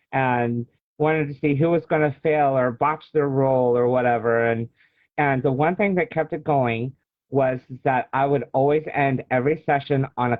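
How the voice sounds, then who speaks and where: On thin, phone-like call audio, an American man from the United States is interviewed as a guest author. He talks casually and explains at length in a storyteller's way. His voice is medium-pitched, with no echo.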